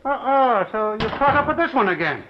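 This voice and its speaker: A man's voice: very high voice, big pitch swings, brisk. An actor playing a grumbling, teasing, world-weary wise guy in a 1930s film, talking in slang. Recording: dull, hissy vintage film soundtrack.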